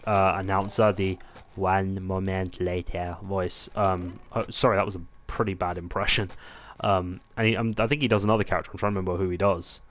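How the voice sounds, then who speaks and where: Low-voiced rambling gameplay commentator. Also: male voice. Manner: rambling, chatty, many ums and restarts. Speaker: gaming channel host. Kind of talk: let's-play gameplay commentary.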